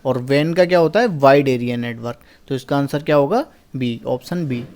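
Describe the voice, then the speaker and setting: A young man as a teacher going through a past exam paper, asking each question aloud and then answering it himself, reading English phrases slowly word by word. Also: medium pitch, darkish tone. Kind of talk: exam paper walkthrough lesson.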